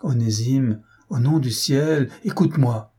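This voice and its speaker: A man's voice: mid-range voice, a little slow, mellow, breathy edge. A man voicing an anxious, tender elderly aunt and governess, pleading and soothing by turns, in an audiobook.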